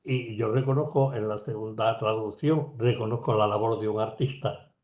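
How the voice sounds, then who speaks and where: A man's voice: fairly low pitch, steady tone, normal speed. Man lecturing with many hesitations. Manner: lecturing, sings and recites examples; hesitant with many fillers and restarts. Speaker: poet in a seminar conversation. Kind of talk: academic conversation. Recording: roomy and slightly dull recording.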